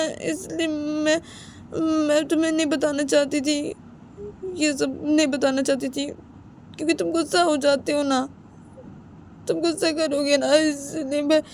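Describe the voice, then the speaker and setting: A woman's voice: sits high, a little mellow, slight background noise, voice pushed up. A woman voicing an anxious young woman who keeps pleading with her partner and repeating herself.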